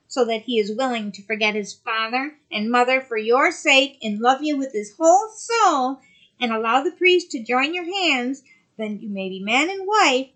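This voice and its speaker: A woman voicing a shrill gloating sea witch. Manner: loud, high and gloating. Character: cruel mocking old female sea witch.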